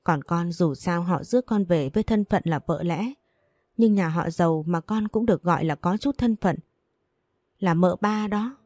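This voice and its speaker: A woman voicing a young daughter who calmly and firmly persuades her mother. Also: lowish voice, moderate pace, no room sound, clean studio sound, lightly acted. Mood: persuasive. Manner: calm, firm, persuasive. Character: young daughter, resolute and self-sacrificing.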